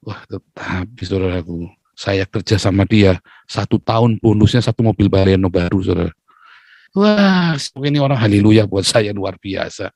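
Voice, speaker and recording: Lively joking male preacher, dry sound. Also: lowish voice, moderate pace, vocal fry, no echo. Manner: lively, joking, addresses listeners as brothers and sisters. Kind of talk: sermon.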